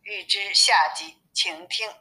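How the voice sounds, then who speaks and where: A woman reading a classic storybook aloud, with expressive, steady narration. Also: mid-range voice, slow, vocal fry, rough recording.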